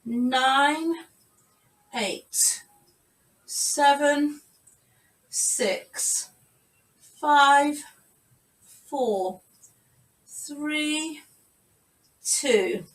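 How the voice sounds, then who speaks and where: A woman's voice: high-pitched, extremely slow, long pauses. A woman teaching a live online Pilates class, encouraging her students and counting the reps aloud. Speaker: Pilates instructor. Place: room at home, on a video call. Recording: roomy, distant video-call sound.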